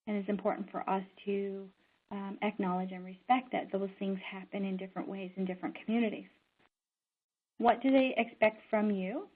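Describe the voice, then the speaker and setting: A middle-aged woman from Newfoundland and Labrador teaches as a social worker, her voice sitting at an ordinary middle pitch. She talks in an earnest, steady, conversational way and often stops on "um". The sound is narrow and tinny, as if heard down a phone line. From Newfoundland and Labrador, Canada. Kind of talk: instructional talk.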